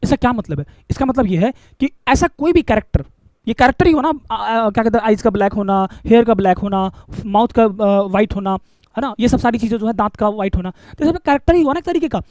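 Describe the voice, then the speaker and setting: Male biology teacher, rapid lecture, quizzing the class, dry close mic. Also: sits high, expressive, a little mellow, no room sound. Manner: coaxing, asks the class questions and repeats key terms.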